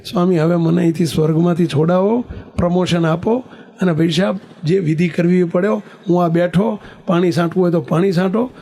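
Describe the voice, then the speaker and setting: A man's voice: high voice, fairly even intonation, a little fast, vocal fry, dark tone. A man voicing a repentant, wayward young man who pleads humbly and rambles as he tells his story. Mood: pleading. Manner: pleading, rambling, self-mocking.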